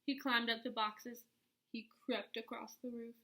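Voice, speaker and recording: A woman with a slightly high voice reads a picture book aloud to children as an expressive storyteller. Her reading is dramatic and full of emphatic pauses.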